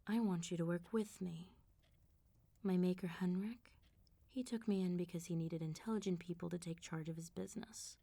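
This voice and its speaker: A woman voices a vampire crime boss, her tone low, dark, and mellow, delivered softly and up close in an ASMR style. Smooth-talking and controlled, she sounds persuasive and probing, with a teasing calm that hints at a quiet threat.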